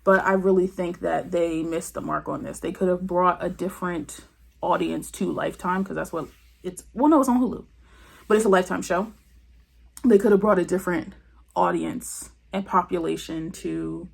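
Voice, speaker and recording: Chatty woman with a gravelly low voice. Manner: candid, chatty, with frequent fillers; acts out quoted people in her retelling. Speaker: TV show reviewer. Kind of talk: casual opinionated commentary.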